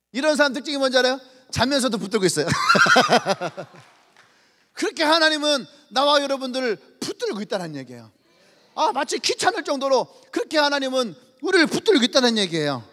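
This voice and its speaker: A man preaching a sermon as pastor, telling stories with a lively manner, acting out little scenes and calling out hallelujah to the congregation. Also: very high-pitched. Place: church sanctuary. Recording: long church-hall reverb.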